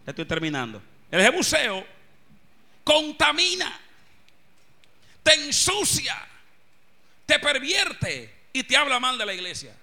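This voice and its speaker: A man's voice: very high voice, wildly swooping pitch, slow pace, long pauses, pushed and bright. A man, a pastor preaching a fervent sermon and calling on the congregation to repeat after him. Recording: music playing behind.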